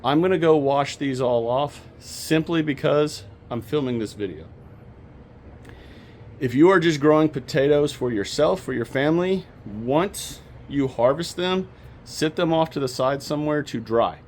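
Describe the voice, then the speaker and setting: A man's voice: on the high side, expressive, a little slow, a little mellow, a little hiss or hum. A man hosting a casual backyard gardening vlog, chatty and practical, talking straight to his viewers. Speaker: home gardening channel host. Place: outdoors in a backyard garden, then indoors.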